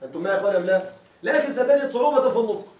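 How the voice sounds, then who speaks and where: Speaking very fast and with plenty of animation, this man's voice sits high and has a darkish tone. He lectures a class on Arabic grammar, frequently making sure they're keeping up and repeating key words as questions for them to answer. A faraway mic captures the roomy classroom sound.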